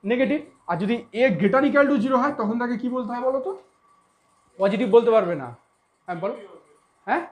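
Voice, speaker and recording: A woman's voice: on the high side, expressive, fairly quick, pauses often. A woman teaching a math lesson, who repeats her points and keeps asking if she was understood. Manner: repetitive, keeps checking understanding.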